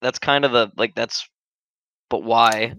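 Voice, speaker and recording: A man's voice: mid-range voice, fairly even intonation, a little slow, pushed and bright, clear, resonant tone. A young man hosting a podcast in casual chat, crude and swearing often, laughing a lot, over a voice chat mic. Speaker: podcast host.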